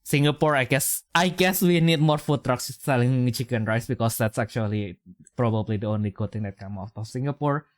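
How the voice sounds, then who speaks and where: A man's voice: medium pitch, fairly quick, no echo, studio quality. An Indonesian-accented man, casual podcast chat. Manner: rambling, many fillers and restarts, chuckles often. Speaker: podcast co-host.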